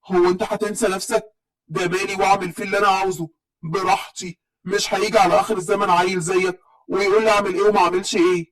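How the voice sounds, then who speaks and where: A woman playing an elderly village patriarch from Upper Egypt in a storybook tale. He is affectionate but stern, with an Upper Egyptian accent, and his lines are read at a brisk pace. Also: high-pitched, level tone, a bit bright, pitched below the performer's own voice, poor audio.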